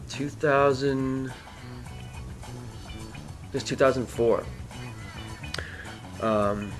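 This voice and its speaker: A man telling a long personal story as a guest, halting and rambling with many fillers and restarts. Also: on the low side, poor audio. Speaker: interview guest. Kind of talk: casual storytelling.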